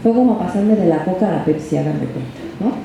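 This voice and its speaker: A woman's voice: lowish voice, expressive, quick pace, creaky, warm tone. A middle-aged woman with a Mexican accent giving a workshop lecture to parents, chatty and checking in with tag questions. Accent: Mexican Spanish. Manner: conversational, ends phrases with tag questions to the audience. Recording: echoey room with faint background noise.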